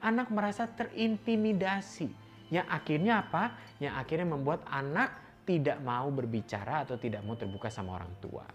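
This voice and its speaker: A man's voice: on the high side, lively intonation, moderate pace, soft background music. A man giving an instructional talk on parenting, explaining patiently and demonstrating different tones of voice. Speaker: parenting educator.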